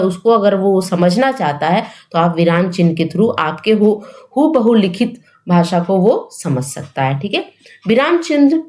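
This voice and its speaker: A woman's voice: mid-range voice, darkish tone. A young woman teaching an exam-prep grammar lesson, explaining step by step and asking rhetorical questions.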